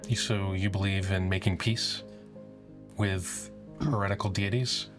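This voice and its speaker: A man voicing a calm, aloof woman seer of an inner circle who lectures in a measured way. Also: low voice. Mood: serene. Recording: music playing behind.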